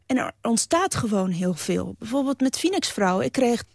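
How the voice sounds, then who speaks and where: A woman writer speaks earnestly on a radio talk show, restarting her sentences as she presses her point. Her voice has a gravelly, creaky edge. The studio sound is close and dry. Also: a little high, animated, moderate pace, a little mellow, no room sound. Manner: earnest, emphatic, with many restarts. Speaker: writer and guest.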